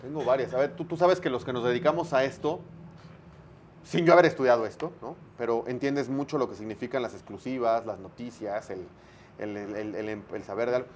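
A Mexican man, a sports broadcaster, telling lively anecdotes in a casual interview, full of slang and acted-out dialogue. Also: medium pitch, brisk, a little hiss or hum.

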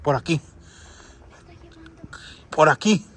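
High-voiced Mexican man, urgent. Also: expressive, extremely slow, fairly bright tone, slightly rough. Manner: urgent, tense, drops to whispered prayers. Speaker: paranormal live-streamer, father. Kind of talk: live-stream ghost hunt with prayers.

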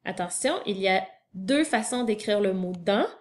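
A woman's voice: mid-range voice, lively intonation, normal speed. A woman teacher giving a spelling lesson to young children, spelling words out letter by letter and talking directly to the child.

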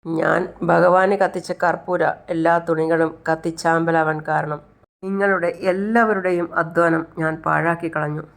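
A woman voicing a slow, tearful grieving woman. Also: on the low side, steady tone, gravelly. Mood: distraught. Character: grieving woman, distraught and self-blaming.

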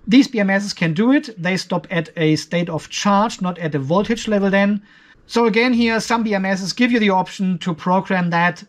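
The speaker is a fiftyish off-grid tech reviewer hosting a video, his voice distinctly high. Over a spreadsheet, he walks viewers through a technical comparison point by point, mixing in his opinions.

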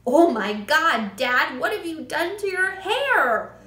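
A woman voicing the family's son, blunt and alarmed, in a loud exclamatory manner. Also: on the high side, sing-song, takes it slowly, echoey room, heavily acted. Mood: aghast.

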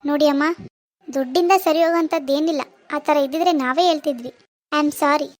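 A woman voicing a calm, blunt doctor in a cartoon, speaking in a firm, matter-of-fact way. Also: high-pitched, fairly quick, lightly acted.

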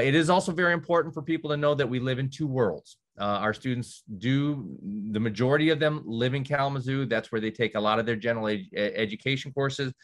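A man's voice: medium pitch, fairly bright tone. A man representing a college, giving a conversational virtual presentation to counselors, with many fillers and restarts and the odd dry sarcastic aside. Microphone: video call.

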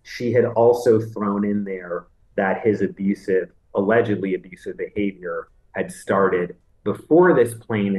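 A man's voice: low-pitched, rough recording. A man in his forties, an entertainment news editor, explains a legal story on a video call in a conversational, step-by-step way with many "you know"s. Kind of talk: remote news interview. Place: indoor room with framed poster behind.

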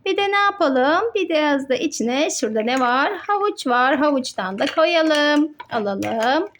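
In a high, sing-song voice that's a bit bright, a woman hosts toy play for kids. She makes up her narration as she goes, moving slowly and explaining every small step in simple terms for young viewers.

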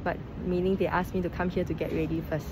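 A woman's voice: lowish voice, level tone, fast talker. A young woman from Singapore chatting cheerfully to camera through a face mask as she walks and queues for a travel vlog. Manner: chatty and upbeat, talking to camera while walking and queuing. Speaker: travel vlogger. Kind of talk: casual travel vlog chat. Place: outdoors on city streets. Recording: noisy outdoor street recording. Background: street ambience and passing vehicles.

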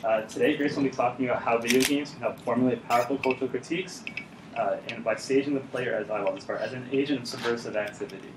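A man in his thirties opens a conference panel at a brisk clip. He sounds upbeat and scatters "uh" through his sentences. His voice carries the echo of a big room, picked up from a distance over steady background noise. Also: medium pitch. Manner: upbeat, with frequent "uh" fillers. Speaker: panel moderator and co-organizer.

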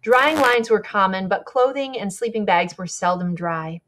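A woman's voice: mid-range voice, normal speed, slight background noise. Conversational woman guide giving a talk. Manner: warm, conversational, with small slips and self-corrections. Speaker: polar expedition guide giving a presentation. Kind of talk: presentation lecture with slides.

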